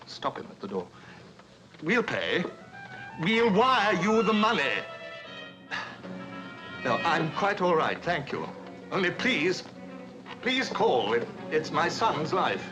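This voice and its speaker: A man acting an anxious middle-aged father in a 1950s film drama, pleading in a halting, insistent way. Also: fairly high pitch, sing-song, low-quality recording. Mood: strained pleading. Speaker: actor. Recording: old film soundtrack, music underneath.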